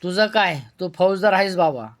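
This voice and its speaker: A man reading a novel aloud, voicing a stern older village mother who speaks gravely and with reproach. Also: high voice, normal speed, lightly acted. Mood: reproachful.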